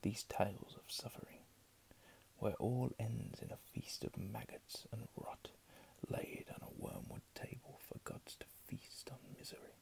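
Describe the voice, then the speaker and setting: A man reading under his breath in a hushed ASMR whisper, with casual murmured asides. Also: on the low side, wildly swooping pitch, creaky, poor audio. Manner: slow, hushed delivery. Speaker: ASMR reader.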